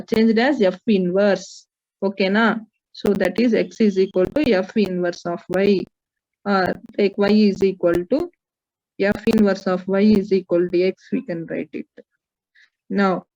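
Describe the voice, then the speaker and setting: A woman's voice: mid-range voice, a little mellow. A woman with an Indian accent teaching a maths class, working through problems and prompting students with questions. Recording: dull, lo-fi audio.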